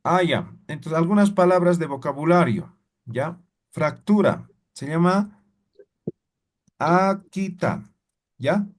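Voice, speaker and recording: A man teaching a class who explains patiently, repeats example words slowly and keeps checking in with short tag questions. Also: on the high side, lively intonation. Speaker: language teacher.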